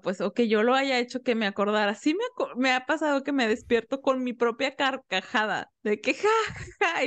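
A young woman, co-hosting a podcast and chatting casually with quick reactions. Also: on the high side, no echo. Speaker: podcast co-host. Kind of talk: casual chat.

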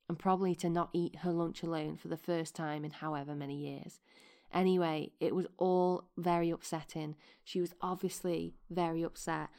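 A woman's voice: fairly low pitch, a little mellow. A woman hosting her podcast, chatting casually with whispered asides while her voice keeps cracking. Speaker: podcast host.

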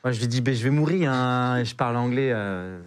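A young man tells an adventure story as a podcast guest, loose and slangy. He stumbles and repeats words as he goes, and his pitch sits in an ordinary middle range. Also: brisk, smooth. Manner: slangy, animated, full of hesitations and repeated words. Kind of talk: casual storytelling.

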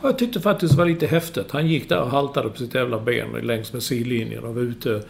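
A man's voice: medium pitch, vocal fry, a little hiss or hum. A man in casual sports chat, explaining business details with enthusiasm and the odd swear. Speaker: podcast co-host.

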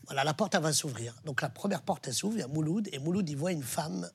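A man with a high, husky voice who tells jokes with energy. He leaps up in pitch at the punchlines and builds his stories with comic pauses. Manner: animated storyteller, big pitch jumps on punchlines. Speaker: guest comedian. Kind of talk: joke telling and casual chat.

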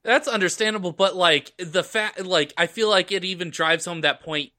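Bright, sharp-voiced male podcast co-host. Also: high voice. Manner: quick agreeing remarks, blunt. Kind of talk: casual podcast discussion.

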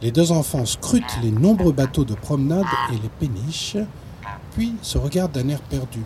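Man narrating an expressive storybook. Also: mid-range voice, moderate pace, very noisy.

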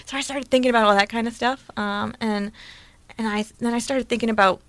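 A woman's voice: fairly high pitch, steady tone, a little fast, fairly bright tone, no room sound. Chatty, musing woman co-host. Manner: musing, chatty, full of questions. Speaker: podcast co-host. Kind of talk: casual chat.

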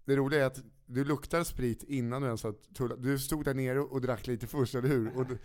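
A man's voice: medium pitch, fairly even intonation, darkish tone. A man with an ordinary mid-range voice chats casually as a co-host. He jokes crudely and turns small moments into absurd stories. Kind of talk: casual chat.

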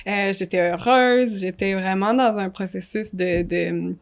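A woman's voice: medium pitch, unhurried. Thoughtful young Quebec French woman. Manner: thoughtful, hesitant, with many fillers. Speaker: guest. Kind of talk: reflective personal testimony.

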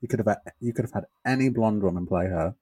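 A man's voice: on the low side, fast talker, warm tone, slightly rough, no echo. A young man, co-hosting a podcast in sassy, opinionated chat. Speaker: podcast co-host. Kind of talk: casual chat.

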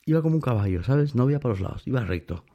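A man's voice: medium pitch, animated, rapid-fire, dull audio. A man telling a personal story in a casual monologue, emphatic and speaking straight to the listener. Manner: emphatic, addresses the listener directly.

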